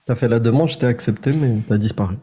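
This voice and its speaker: A man co-hosting a casual live stream, friendly and halting, with many fillers. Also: medium pitch, dark tone, slightly rough.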